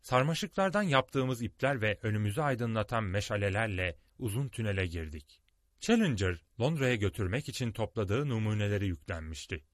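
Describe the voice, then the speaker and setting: A man narrating a storybook audiobook in an expressive, dramatic way, recorded on a close studio mic. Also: fairly low pitch, moderate pace, no room sound.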